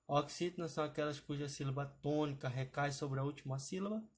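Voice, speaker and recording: A man's voice: fairly high pitch, brisk. A man teaching an exam-prep grammar lesson over slides, often checking in with his students. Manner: explanatory, adds frequent "tá, pessoal?" checks.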